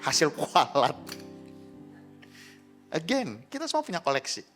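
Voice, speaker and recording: A man's voice: on the high side, unhurried, soft background music. A middle-aged man, preaching a sermon as a pastor and telling a funny confessional story to the congregation. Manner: animated, joking, confessional asides to the congregation. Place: church service.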